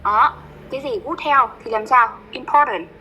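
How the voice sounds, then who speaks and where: A woman coaching a student's English pronunciation. She is patient and coaxing, and she says words slowly and repeats them. Her voice is bright and fairly high, with a faint hiss behind it. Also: poor audio. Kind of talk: one-on-one online tutoring.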